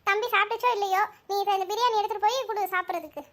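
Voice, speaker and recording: A woman's voice: extremely high pitch, fairly even intonation, rapid-fire, fairly bright tone. A woman voicing an older cartoon mother who scolds firmly and comforts her family. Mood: firm, comforting. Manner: firm, scolding yet comforting.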